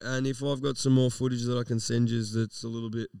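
An Australian man chats as a podcast co-host in a laid-back, sweary, slangy way. His voice is smooth with a crackle of fry in it, picked up a little way from the mic. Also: medium pitch, level tone, fast talker, darkish tone, no echo, clean studio sound, distant mic. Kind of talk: casual live podcast chat.

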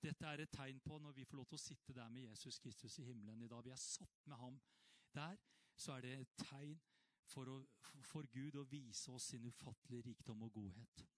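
A man preaching a sermon in a conversational way, now and then rising into animated outbursts. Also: mid-range voice, no room sound.

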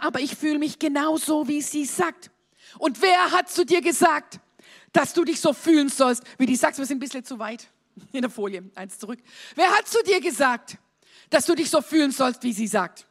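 A woman preaching a charismatic sermon to a congregation, swinging from shouted declarations to quiet conversational asides and asking them questions. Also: sits high. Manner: talks straight to the congregation with questions and amens.

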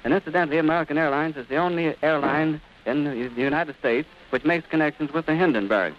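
Speaking a little high and at a quick clip, a man gives a live outdoor radio commentary from an airfield, painting the scene vividly in the style of an old-time announcer. The audio is a muffled, noisy archive recording from the 1930s.

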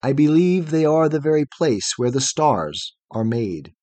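A frightened, weakened young man, as a male storybook reader acts him out, speaking anxiously and pleadingly in a raised voice. The husky tone swoops through a wide range, and the reading is dry and close. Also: on the high side, sing-song, measured pace, warm tone, dry recording. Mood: fearful.

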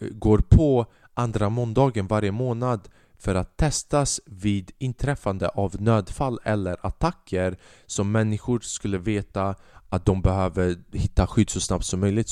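Brief: plodding dentist explaining procedure, put on by a young man, low and dry. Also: warm tone, smooth, dry recording, lightly acted. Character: matter-of-fact dentist explaining a siren test.

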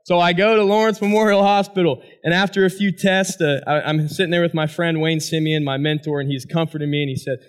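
Male speaker, fairly high voice, animated storyteller checking in with the crowd, personal testimony talk. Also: fast, few pauses, smooth. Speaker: former college athlete giving a talk. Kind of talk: personal testimony speech to an audience.

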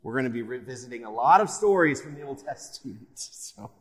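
During a live group class session, a man leads an informal Bible study and prayer, speaking fairly quickly in short, hesitant phrases. His medium-pitched voice has lively intonation. An odd digital echo effect colors the microphone on the class recording.

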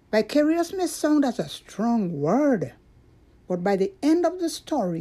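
A woman narrating a scripted story for children, with deliberate, expressive delivery. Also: medium pitch, husky.

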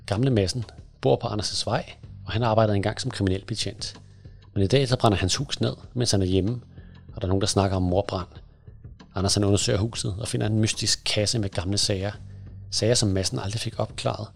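A man hosting a podcast, reading a crime book aloud and then reviewing it in calm, steady storytelling. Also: on the low side, gravelly.

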